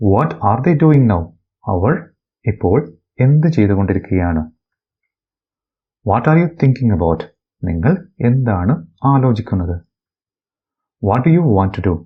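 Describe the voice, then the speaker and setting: A man from Kerala teaches a bilingual phrase lesson. He reads each sentence slowly and deliberately, then translates it. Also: lowish voice, breathy edge, narrow, tinny audio. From Kerala, India. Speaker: English teacher.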